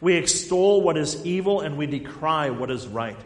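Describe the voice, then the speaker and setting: Male pastor, fairly high voice, earnest and emphatic sermon delivery, recorded in a big reverberant church. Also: expressive, normal speed. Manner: earnest, emphatic preaching with rhetorical questions. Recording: echoey hall with long reverb.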